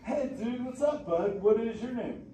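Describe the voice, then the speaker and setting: A man's voice: very high-pitched, expressive, moderate pace. Crush, a man doing a stoked surfer-dude sea turtle. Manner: slangy surfer drawl, stoked and playful. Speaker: live show character chatting with audience. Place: indoor theater show. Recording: echoey theater, distant, noisy.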